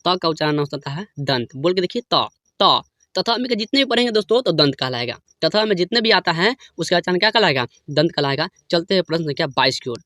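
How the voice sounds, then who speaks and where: High bright-voiced male tutor, dry sound. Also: dry recording. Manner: repeats questions and answers, addresses viewers as friends. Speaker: teacher. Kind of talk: exam-prep lesson.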